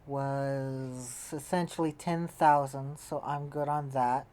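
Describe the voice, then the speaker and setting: Speaking in a very deep, steady, dark voice at a slow pace, a woman comments casually on her strategy game. She muses aloud and frequently drifts off mid-thought while adding up numbers.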